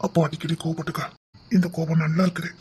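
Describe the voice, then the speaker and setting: A woman's voice: low-pitched, flat delivery, quick pace, a little mellow, breathy edge. A woman voicing a doting young husband, tender and teasing, with a Tirunelveli Tamil accent.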